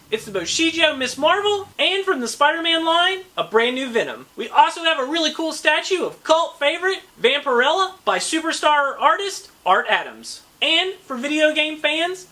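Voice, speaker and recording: A woman's voice: sits high, bright, forceful tone, rough recording. A woman hosting a comic news and merchandise show, presenting in an upbeat, enthusiastic way. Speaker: show host. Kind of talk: scripted news and product roundup.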